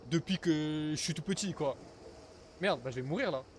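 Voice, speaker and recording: A man's voice: fairly high pitch, normal speed, slight background noise. A young man streaming a survival game, chatting casually with his viewers and swearing now and then as he plays. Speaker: gaming streamer. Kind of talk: casual live gameplay commentary.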